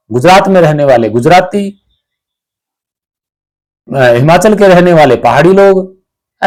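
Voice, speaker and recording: A man giving a slow, explanatory spiritual discourse, often checking that listeners follow. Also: high voice, a little mellow. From Haryana, India. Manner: slow, explanatory, asks "ठीक है" to check understanding. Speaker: spiritual teacher.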